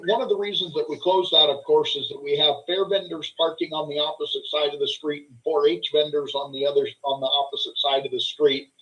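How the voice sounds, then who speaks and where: A man with a slightly high voice talks through plans at a meeting, pausing and restarting as he explains. His delivery is hesitant, and the audio is a little dull and lo-fi. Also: fairly bright tone. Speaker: fair board meeting participant, organizer. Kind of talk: informal meeting discussion. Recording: muffled, low-fidelity meeting audio.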